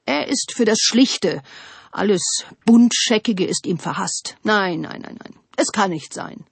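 A woman voicing a grumbling, gentle old male autumn spirit in a storybook reading, speaking slowly and softly. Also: medium pitch, animated, vocal fry, slightly rough, no room sound, full character voice. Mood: calm refusing.

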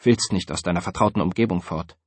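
A man's voice: low voice, fast talker, slightly rough, no room sound. A man voicing a patient adult male teacher who speaks earnestly to a student in an audiobook.

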